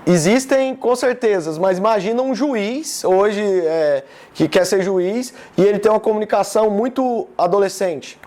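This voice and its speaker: A man's voice: sits high, lively intonation, normal speed, few pauses, dark tone. A man in his thirties from Goiás with a Goiás accent, giving an informal live business talk and speaking straight to his audience in a casual, chatty way. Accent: Goiás Brazilian Portuguese. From Goiás, Brazil.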